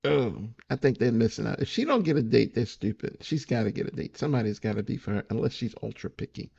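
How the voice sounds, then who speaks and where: Gravelly, blunt man in his fifties. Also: medium pitch, expressive, fast talker, a little mellow. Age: 50s. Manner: blunt, opinionated. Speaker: relationship coach reacting to a dating show. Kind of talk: reaction commentary. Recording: dull lo-fi audio.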